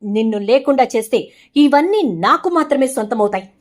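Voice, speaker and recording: A woman's voice: sits high, animated, brisk, a little mellow. A woman doing a scheming young villainess. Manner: bitter, possessive, defiant.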